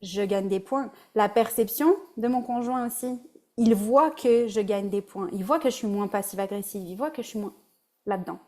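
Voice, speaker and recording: This relationship coach has a Québécois French accent and talks at a normal speed with a medium-pitched, mellow voice. Her webinar presentation is relaxed and chatty, sprinkled with English words.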